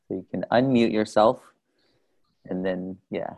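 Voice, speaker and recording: Leading introductions on a video call, an online group call host guides participants patiently, casual and instructive. His voice is deep and a little mellow, slightly slow, with vocal fry.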